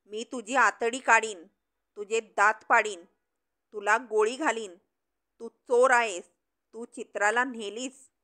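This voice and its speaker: Storybook heavy, played by a woman narrator: a jealous man barking threats, slow and fairly high. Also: fairly even intonation. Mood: angry, threatening. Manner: shouting threats. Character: jealous, bullying man demanding a missing girl.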